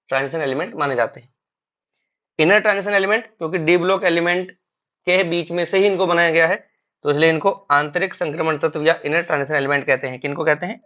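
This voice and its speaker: A male chemistry teacher lectures with a bright, forceful voice that sits a bit high. He calls his students "beta" and puts a question to them before answering it himself. The recording is somewhat dull and lo-fi. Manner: mixes Hindi with English terms. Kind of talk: classroom lecture.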